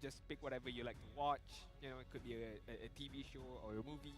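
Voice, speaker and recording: A man casting an esports broadcast, giving measured, analytical commentary on the draft. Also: medium pitch, steady tone, over music. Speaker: esports caster.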